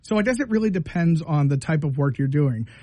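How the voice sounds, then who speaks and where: A man co-hosting a radio show, offering measured, slightly hesitant opinions in casual conversation. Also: on the high side, lively intonation, warm tone, no room sound. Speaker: radio co-host. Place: radio studio. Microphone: close studio microphone. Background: faint music.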